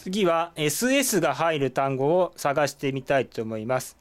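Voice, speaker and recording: A man teaching a language lesson at a whiteboard. His voice is somewhat high, and his pitch bounces around a lot as he explains each word. He pauses often with drawn-out fillers. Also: a little hiss or hum. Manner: lively, explanatory, with frequent "eh" fillers.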